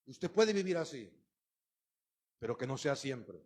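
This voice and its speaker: A middle-aged man preaching a sermon, emphatic and swinging between loud outbursts and hushed asides. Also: medium pitch, sing-song, unhurried.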